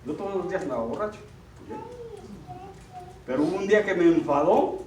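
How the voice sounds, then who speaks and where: A man's voice: high-pitched, lively intonation, fairly quick, a little mellow, a little hiss or hum. Earnest man preaching at a retreat, echoey. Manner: earnest, questions the audience with tag "ok?". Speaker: lay speaker at a church retreat. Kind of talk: church retreat talk. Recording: roomy hall, from far off.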